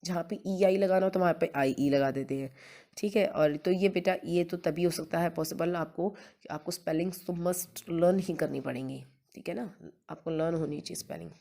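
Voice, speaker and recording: A woman school teacher giving a spelling lesson to young children, spelling words slowly letter by letter with a Hindi accent, often checking "theek hai na" and calling pupils beta. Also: lowish voice, gravelly, dark tone. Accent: Hindi-accented English.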